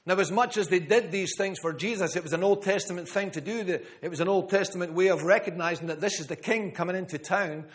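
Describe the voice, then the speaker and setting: Guy preaching, pretty high voice, hammers the same lines over and over. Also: fast talker, few pauses. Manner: emphatic, repeats key phrases, addresses listeners by name. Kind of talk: sermon. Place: church gathering room.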